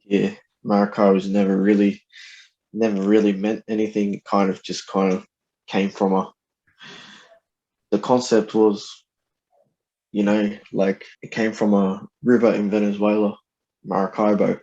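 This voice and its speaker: A male rapper chatting casually as a podcast guest. His voice is lowish, soft-edged and mellow, with very little rise and fall, and his manner is relaxed and slangy. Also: a little slow, pauses often, dull audio. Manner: laid-back, slangy, loosely phrased. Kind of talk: casual chat.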